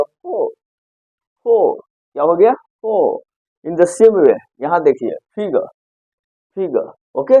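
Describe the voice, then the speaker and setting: A man teaches English pronunciation in Hindi, posing questions and answering them himself while repeating key points. He drags out single words and often finishes with "ठीक है ना?". His mid-range voice is warm, and the recording is dry with the highs cut off.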